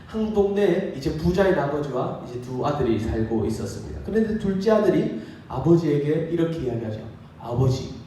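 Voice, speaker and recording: A man's voice: medium pitch, warm tone, a little hiss or hum. A man preaching a sermon as a youth pastor, retelling a story and asking rhetorical questions. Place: church sanctuary. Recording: echoey church hall, distant mic.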